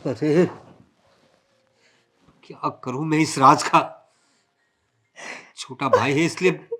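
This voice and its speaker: An actor playing a caring elder brother who consoles his upset wife gently and earnestly. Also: a little high, slow pace, exaggerated voice. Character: caring elder brother and husband, adult man. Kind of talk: scripted family drama acting.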